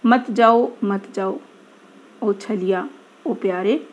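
Female reader as young courtesan, affectionate, gently coaxing, storybook tale. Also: medium pitch, slow pace, dull audio.

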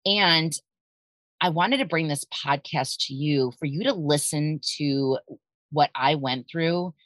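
A woman in her thirties hosts her own podcast, speaking in a very low voice. She talks in a candid, confiding way and swears frankly, recorded close and dry with no room sound. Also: slow pace, a bit bright, no room sound, low-quality recording. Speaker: podcast host. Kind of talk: personal storytelling podcast.

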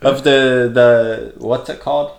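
A man's voice: mid-range voice, fairly even intonation, slow, vocal fry. A man co-hosting a podcast over a remote call, chatting casually and trading easygoing jokes. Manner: joking, easygoing banter. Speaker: podcast co-host. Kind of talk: casual chat. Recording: roomy with faint noise.

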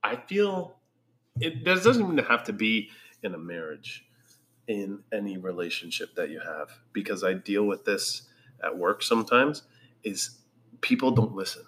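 A man with a very low, deep voice talks with his wife in a relaxed, teasing way. His humor is dry and unhurried. A faint hiss of background noise sits under the voice. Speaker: husband, podcast guest. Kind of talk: casual couple chat.

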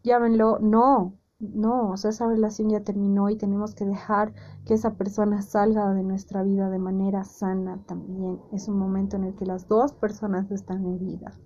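A young woman hosting a podcast, giving gentle, conversational advice and often acting out inner voices. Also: medium pitch, level tone, moderate pace, highs cut off, slight background noise. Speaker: podcast host. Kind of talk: casual advice monologue.

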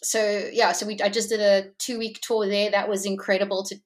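A woman's voice: mid-range voice, level tone, fairly quick. A woman who grew up in Hong Kong, chatting upbeat as a musician guest over a video call, with frequent restarts. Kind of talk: casual interview chat.

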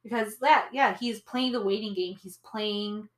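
A woman co-hosting a podcast in relaxed casual chat, trailing off with fillers. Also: mid-range voice, unhurried, roomy sound. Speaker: podcast co-host.

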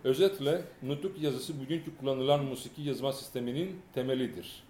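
A man giving an academic lecture, partly read aloud, in a measured and halting way with fillers and restarts, in a lecture hall. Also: mid-range voice, dark tone, slight background noise. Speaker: lecturer on music history.

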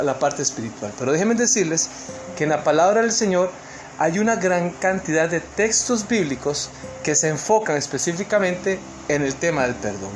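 A Costa Rican man giving an online seminar talk, earnest and emphatic, with many fillers and restarts. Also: a little high. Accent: Costa Rican Spanish. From Costa Rica. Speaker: seminar speaker.

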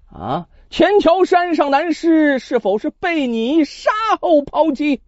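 Storyteller voicing a cold, shrewd magistrate, slow and severe, dry muffled sound. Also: male voice, very high-pitched, wildly swooping pitch, warm tone, no echo, heavily acted. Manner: slow, severe court speech. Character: stern, shrewd male prefect judge.

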